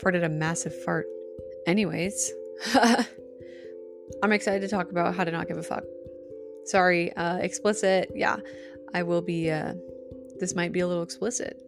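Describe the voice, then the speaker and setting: A woman's voice: lowish voice, steady tone, moderate pace, creaky, over music. A young woman with a Utah accent hosting her own podcast in a casual, candid way, giggling and swearing freely as she chats. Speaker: podcast host. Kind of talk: casual solo podcast chat.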